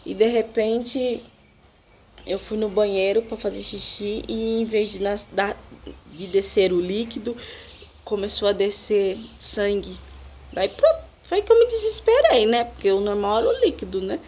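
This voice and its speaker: A young Brazilian woman vlogger telling a personal story to camera, animated and emotional, often laughing and acting out what people said. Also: medium pitch, a little slow, slight background noise. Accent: Brazilian Portuguese. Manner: animated, emotional retelling with laughs and dramatic quotes.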